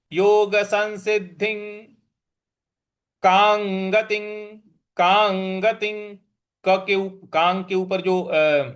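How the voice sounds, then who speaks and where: Male recitation teacher, high voice, slow deliberate chanting drills with quick explanations. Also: fairly bright tone. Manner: chants verse slowly, then explains rules quickly.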